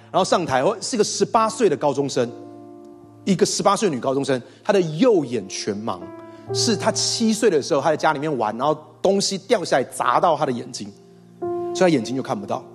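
A man's voice: fairly high pitch, sing-song, quick pace, soft background music. A male pastor telling a story in a sermon to his congregation, acting out quotes and laughing along with them. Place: church hall with congregation.

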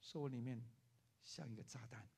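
An older man preaching a sermon as a pastor, telling a story with lively acted-out voices for the people in it. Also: medium pitch, fairly quick, gravelly, husky. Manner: animated preaching, acting out the people in his story.

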